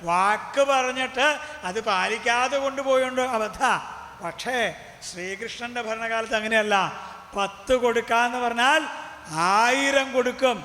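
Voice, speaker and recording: A man telling comic temple tales in a teasing, lively way, his voice high and bright. Now and then he draws his words out into chanted verse. His voice rings through an echoey hall with a long reverb and faint sound behind. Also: moderate pace. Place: temple stage.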